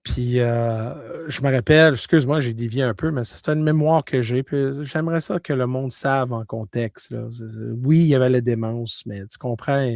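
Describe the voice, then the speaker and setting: Animated man with a Québécois accent. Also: mid-range voice, normal speed, gravelly, few pauses, dry recording, clean studio sound. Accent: Québécois French. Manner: conversational, peppers talk with "là" and "tu comprends"; animated, shifting between loud bursts and hushed tones. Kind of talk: casual personal storytelling.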